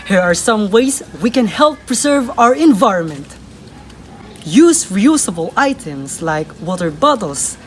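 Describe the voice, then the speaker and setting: A woman's voice: on the high side, a little hiss or hum. A woman presenting a scripted informational talk in an earnest manner.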